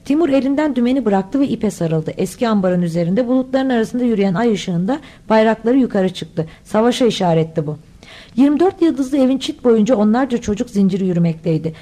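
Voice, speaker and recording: Warm-voiced woman reading a story aloud. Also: on the high side, lively intonation, brisk. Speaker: audiobook reader. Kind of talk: scripted audiobook narration.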